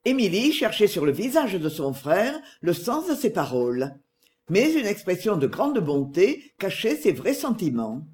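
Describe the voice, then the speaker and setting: An audiobook narrator giving a measured, expressive reading of a novel. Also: mid-range voice. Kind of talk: literary narration.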